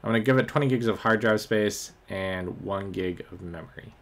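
A man narrates a screen-recorded tech tutorial in a fairly low voice. His talk is loose and unscripted, filled with ums and uhs as he clicks through each step. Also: moderate pace. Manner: relaxed, many ums and uhs. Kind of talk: screen-recorded software walkthrough.

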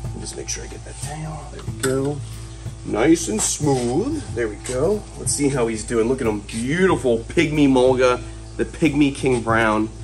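A man's voice: medium pitch, lively intonation, normal speed, over music. A man in his twenties hosting a casual vlog as he handles animals, talking in an enthusiastic, exclamatory and playful way. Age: 20s. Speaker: host, snake keeper. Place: large metal-walled reptile room with concrete floor.

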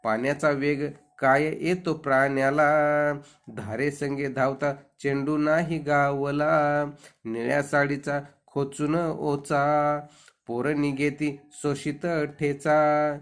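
A man's voice: fairly high pitch, level tone, takes it slowly, clear, resonant tone. A man singing a children's poem and telling a rhymed story in melodic recitation. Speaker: storyteller and singer.

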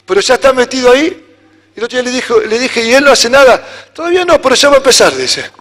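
A man with an Argentine Spanish accent preaching a sermon as pastor, animated, acting out little dialogues. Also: very high voice, fast. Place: church hall. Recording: church hall reverb.

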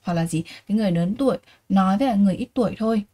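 Fast-talking woman teaching vocabulary. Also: mid-range voice, warm tone. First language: Vietnamese. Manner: repeats each word slowly, asks rhetorical questions. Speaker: Korean language teacher. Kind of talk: vocabulary lesson.

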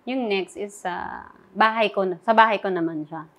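A young adult woman, an interview guest, softly recounting a painful relationship story and quoting past conversations. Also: mid-range voice, normal speed. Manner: soft, recounting quoted dialogue. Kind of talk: emotional personal interview.

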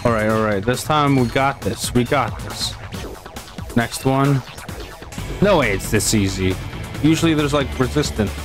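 A man's voice: mid-range voice, a little slow, long pauses. Male gamer: casual, slangy play commentary with swearing, game music underneath.

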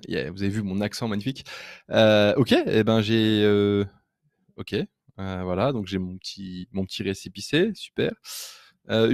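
A man giving a casual, enthusiastic screen-recorded software demo as a web design trainer, chatty and full of hesitant fillers. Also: lowish voice, gravelly, dry recording, clean studio sound.

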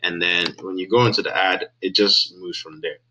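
A man's voice: deep voice, fairly even intonation, moderate pace, bright, forceful tone, a little hiss or hum, poor audio. A man hosting his own channel, casually talking through an ad on his screen and thinking aloud with fillers and restarts. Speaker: host of a copywriting channel. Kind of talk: casual screen-share tutorial.

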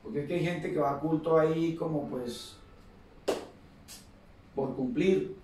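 A man's voice: a little high, a little slow, background noise. A man preaching a sermon in a conversational way, repeating phrases and asking for amens. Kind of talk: Pentecostal-style sermon. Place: church hall. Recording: echoey hall, mic far off.

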